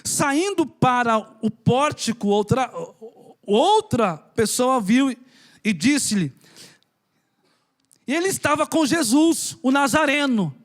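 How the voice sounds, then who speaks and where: A man's voice: extremely high pitch, lively intonation, slow. A male preacher giving a conversational, emphatic sermon and joking with the congregation.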